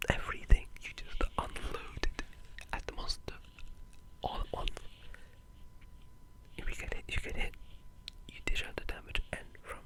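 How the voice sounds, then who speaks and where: Gaming ASMR commentary comes from a video creator whispering breathily without voice, casual, rambling and eager. The speed is normal but there are long pauses, and the recording is rough.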